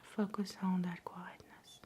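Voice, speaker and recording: A woman giving a whispered ASMR pep talk in a soft, breathy whisper, soothing, gentle and encouraging. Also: on the low side, flat delivery, takes it slowly. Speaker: ASMR host.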